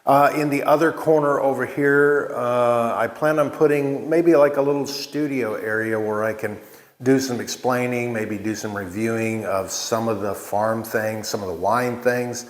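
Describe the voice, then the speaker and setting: A man talking casually and unscripted as he hosts a walk-through vlog, explaining things in a plain-spoken, halting way. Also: mid-range voice, steady tone. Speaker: vlog host, small farm winemaker. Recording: echoey bare room or open space.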